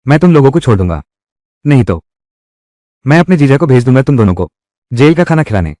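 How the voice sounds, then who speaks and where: A man's voice: mid-range voice, very animated, fairly quick, mellow, no echo, clean studio sound, close to an everyday voice. An actor dubbing an arrogant, spoiled rich young man who boasts and threatens in a drama dub. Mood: boastful.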